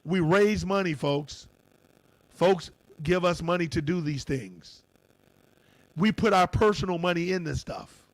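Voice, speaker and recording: Radio co-host, male, high-pitched, dry close studio sound, animated indignant storyteller. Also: no echo. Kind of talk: casual radio talk, telling a personal story.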